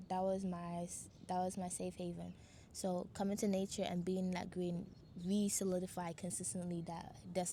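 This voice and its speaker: Gravelly, flat-voiced Caribbean woman. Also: fairly low pitch, a little hiss or hum. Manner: candid, swears freely. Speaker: vlogger. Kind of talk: casual reflective monologue.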